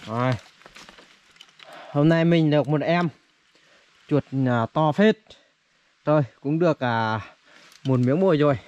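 High-pitched man vlogging casually outdoors. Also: measured pace, pauses often, darkish tone, muffled recording. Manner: chatty, hesitant, repeats words. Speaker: vlogger, host. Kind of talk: casual outdoor vlog chat while walking. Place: outdoors in forest. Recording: outdoor recording with faint noise.

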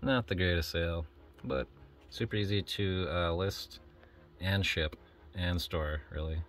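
This reseller has a deep, slightly bright voice and takes his time. He rambles casually and matter-of-factly through his shipping vlog with lots of filler words, background music running under him.

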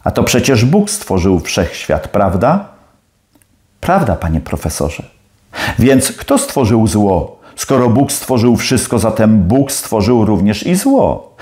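A man's voice: medium pitch, warm tone. A man playing a stern older professor who presses his questions in a challenging, probing way.

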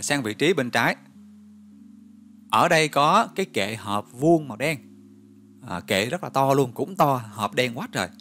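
Man teaching vocabulary. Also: medium pitch. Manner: lively, storytelling, coaxing with questions. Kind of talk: recorded vocabulary lesson with memory stories.

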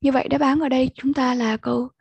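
Young woman teacher with a Vietnamese accent, high and husky, slow and patient with pupils. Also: flat delivery, no room sound, muffled recording. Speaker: English teacher. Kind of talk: online lesson walkthrough.

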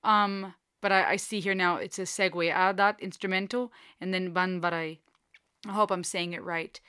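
A woman's voice: fairly low pitch, steady tone, normal speed, bright, forceful tone, clean tone. A woman in her thirties hosting a music reaction, talking earnestly and emotionally as she thinks aloud in a small home studio. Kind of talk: casual reaction commentary.

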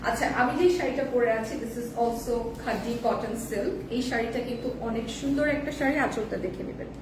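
A hoarse woman hosting a live stream to sell sarees, chatting with viewers and mixing English into her talk. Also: fairly high pitch, fairly quick, roomy sound, distant mic, noisy background. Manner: chatty, reads viewer comments, mixes in English. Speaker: live-sale host.

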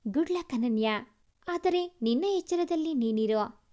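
A woman voicing a caring young man who warns a friend gently. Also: sits high, animated, unhurried. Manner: caring, cautious.

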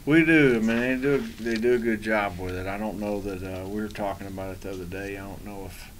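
Middle-aged coach with a lowish voice. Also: male voice, brisk, slight background noise. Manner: relaxed, rambling, with many "uh" fillers. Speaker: head baseball coach. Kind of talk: postgame press conference answers. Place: small press room in front of a sponsor backdrop.

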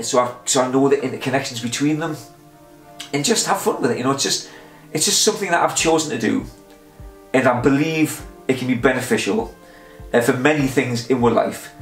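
Man vlogger, rambling and chatty, roomy echo, faint guitar music behind. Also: medium pitch. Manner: chatty, meandering, self-interrupting with fillers. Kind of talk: casual rambling talk to camera.

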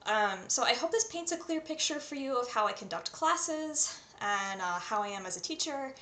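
Her voice sits on the high side, pushed and bright, with lively intonation at normal speed. She's a woman in her twenties with a North American accent, an online English tutor introducing herself to camera and reading poems in a small home room with roomy echo and faint background noise.

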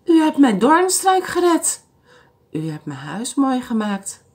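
Woman doing a shrill, tearful old lady. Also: sing-song, a little slow. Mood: delighted. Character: tearful old lady who loves her thornbush.

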